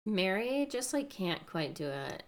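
A woman's voice: mid-range voice, big pitch swings, measured pace. A young woman co-hosting a casual pop-culture podcast, chatty and laid-back, full of "like". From United States. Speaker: podcast co-host.

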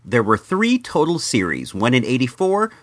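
A man's voice: mid-range voice, huge pitch swings, moderate pace, a bit bright. A middle-aged man hosting a toy show, telling nostalgic stories in a casual, wry, conversational way into a microphone. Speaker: toy review host. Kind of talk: casual nostalgic storytelling and commentary. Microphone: microphone in a room.

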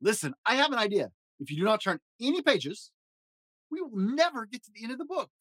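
Man putting on a high, jumpy furry storybook monster, fretful and pleading, swings all over, dry close sound. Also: very animated, brisk, fairly bright tone, no room sound, heavily acted. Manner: fretful, begging, dramatic exclamations. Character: lovable furry blue male monster, nervous and pleading. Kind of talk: storybook reading.

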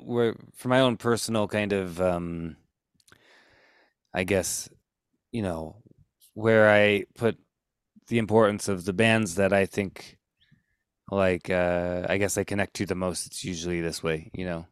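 Male podcast host, low voice, smooth and clear, dry close sound, rambling casual chat. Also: fairly even intonation, unhurried, pauses often, no room sound. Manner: rambling, full of "like" and "you know".

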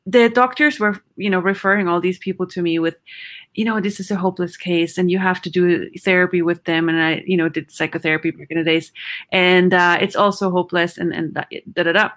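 A middle-aged woman from Austria speaks as an interview guest. Her voice is bright and clear, and she talks animatedly, laughing often and pausing to search for words. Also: fairly low pitch, fairly even intonation. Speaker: psychologist guest. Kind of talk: conversational interview.

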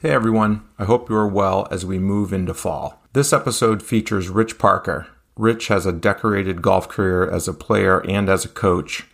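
A man's voice: deep voice, creaky. A man from New Hampshire hosting a golf podcast, reading his intro and then interviewing his guest in a friendly way. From New Hampshire, USA. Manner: friendly, reads a prepared intro. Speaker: podcast host.

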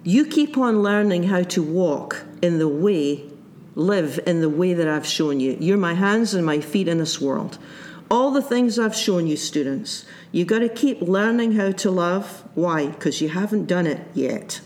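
A man's voice: high-pitched, expressive, measured pace, a little mellow, slight background noise. Guy giving a sermon, thoughtful, says the big points twice. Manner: reflective, repeats key phrases, acts out quoted voices. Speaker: pastor.

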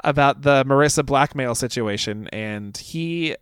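A man's voice: mid-range voice, a little slow, a bit bright, clean tone, no echo, clean studio sound. A man co-hosting a casual TV recap podcast, chatty and full of self-corrections as he recaps plot. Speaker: podcast co-host.

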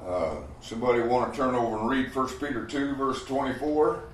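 A Bible class teacher gives a scripture study sermon in a big, emphatic, medium-pitched voice that fills the room, speaking briskly and repeatedly posing rhetorical questions. The mic catches him from a distance in a roomy, echoey hall with faint noise underneath.

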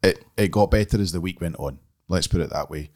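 A man's voice: sits low, fairly quick, darkish tone. A man with a Glaswegian Scottish accent, chatting casually and wryly on a podcast. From Glasgow, Scotland. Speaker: magazine editor, podcast guest. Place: small office room.

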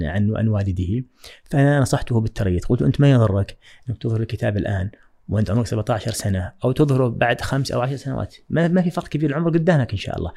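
A man talks quickly as a podcast guest, with a mellow, dark tone. He speaks in a measured, reflective way and often stops to hesitate. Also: mid-range voice. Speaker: guest, writing trainer. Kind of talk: podcast interview.

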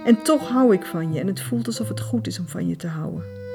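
A woman's voice: on the low side, expressive, brisk, music in the background. A woman voicing a passionate married woman in love in an audiobook, earnest and urgent. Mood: pleading. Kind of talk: audiobook character voice.

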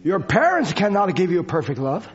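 A man's voice: high-pitched, big pitch swings, a little fast. A man preaching a church sermon in non-native English phrasing, exhorting and repeating his phrases with fervor. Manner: repetitive, exhorting, swinging between shouts and quieter talk. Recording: dull lo-fi sermon recording.

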